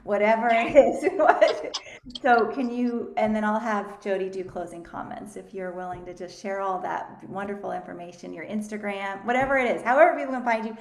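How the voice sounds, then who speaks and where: A woman hosting a webinar conversation, earnest and a little rushed. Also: mid-range voice. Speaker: host. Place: online webinar call. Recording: echoey room with faint noise.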